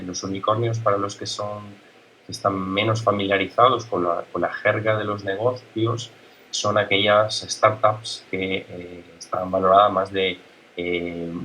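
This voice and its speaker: An Italian man, a native Italian speaker, giving a conference talk as a guest speaker, halting, with many fillers and restarts. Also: fairly low pitch, fairly bright tone, a little hiss or hum, rough recording. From Italy.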